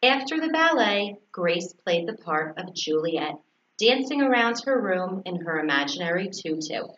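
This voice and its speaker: A woman's voice: lowish voice, sing-song, measured pace, a bit bright. A woman reading a children's story aloud, narration and dialogue, as a teacher. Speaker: fourth grade teacher. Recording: echoey, dull, faintly noisy recording.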